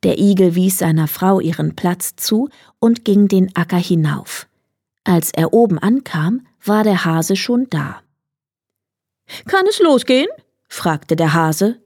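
A woman reading a fairy tale aloud as storyteller, in a calm, measured manner. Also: lowish voice, slightly rough, dry recording, clean studio sound.

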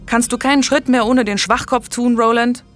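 A woman reading an audiobook, voicing a stern, angry medieval lord with a gruff, commanding manner. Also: fairly high pitch, fairly even intonation, moderate pace, soft background music, voice pushed up, close to an everyday voice.

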